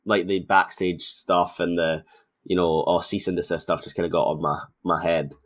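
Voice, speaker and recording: Deep-voiced man in casual wrestling discussion. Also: level tone, moderate pace. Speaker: wrestling podcast host. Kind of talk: casual wrestling commentary chat.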